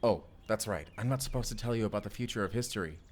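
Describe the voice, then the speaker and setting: Playing a boyish, tender husband from the future, a man speaks straight to the listener in a bashful, rambling romantic roleplay that feels playful and affectionate. His voice is lowish and slightly rough, and he talks at a quick pace.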